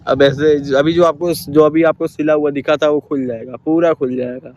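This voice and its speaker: A teenage boy bantering quickly as a co-host in a casual vlog, cracking jokes and giving life advice outdoors at night. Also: a little high, fairly even intonation, a little mellow, highs cut off, a little hiss or hum. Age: teens. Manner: quick joking replies, preachy asides. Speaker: vlogger's co-host friend.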